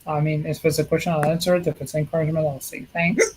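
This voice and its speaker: A man's voice: level tone, racing, mellow, husky, poor audio. A middle-aged man talking casually and rambling a little as he gives a livestream update from a hospital room. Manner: low-key and rambling. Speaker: streamer giving a health update.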